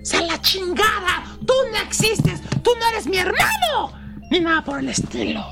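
A woman voicing a spoiled seven-year-old boy who yells in a high, panicked voice. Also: huge pitch swings, fast talker, gravelly, over music, exaggerated voice.

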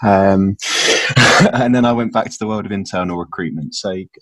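A young man from England chatting casually as a podcast guest, self-deprecating and quick to laugh. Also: on the low side, fairly bright tone, no echo. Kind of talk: casual chat.

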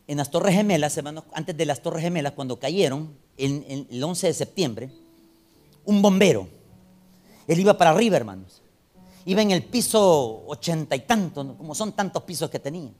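A man's voice: fairly high pitch, lively intonation, normal speed, a little mellow. A man preaching a sermon and reading Bible verses aloud, calling his listeners brothers and asking them rhetorical questions. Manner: addresses the congregation as brothers, asks rhetorical questions.

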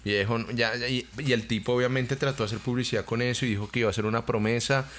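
A man's voice: medium pitch, steady tone, quick pace, fairly bright tone. A man in his thirties with a Colombian accent, co-hosting a casual podcast chat, crude and slangy, restarting his sentences often. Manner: crude slang-heavy banter, many restarts. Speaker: podcast co-host.

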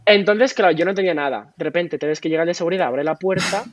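Young guy, rapid rambling storyteller, higher voice, casual podcast co-host. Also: highs cut off. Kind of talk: casual chat.

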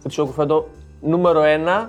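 A man's voice: a little high, faint music behind. A young man telling stories animatedly in a casual chat among friends. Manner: animated storyteller.

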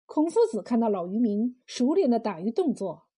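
Woman storyteller, high lively voice, unhurried, mellow and husky. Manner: measured, expressive narration. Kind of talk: told folk tale.

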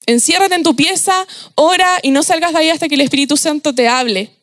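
A young Chilean woman delivers a youth sermon in a relaxed, slangy way, animated and quick to laugh. Her voice sits high, and the recording is dry and close with little room sound. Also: no echo. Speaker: youth preacher.

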